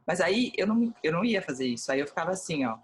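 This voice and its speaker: Brazilian woman, lowish voice, animated storyteller, faint hiss behind. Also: quick pace. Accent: Brazilian Portuguese. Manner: animated storyteller acting out quotes. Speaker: TV presenter, guest. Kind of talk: casual interview chat.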